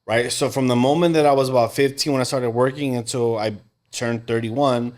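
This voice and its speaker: A man's voice: medium pitch, steady tone, fairly quick, darkish tone. A man in his thirties, a tattoo artist talking as a podcast guest in a laid-back, slangy way. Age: 30s. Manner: laid-back slangy talk, says bro often. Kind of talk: casual chat.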